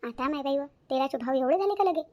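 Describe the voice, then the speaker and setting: A woman's voice: high voice, a little fast, darkish tone, lightly acted. A woman voicing a nagging, thrifty older mother-in-law in a cartoon comedy, scolding and repeating herself. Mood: grumbling. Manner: scolding, repetitive.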